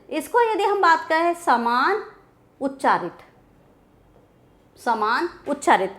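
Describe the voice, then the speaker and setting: A woman's voice: high voice, a bit bright. A woman teacher giving a grammar lecture, repeating key terms and answering her own questions.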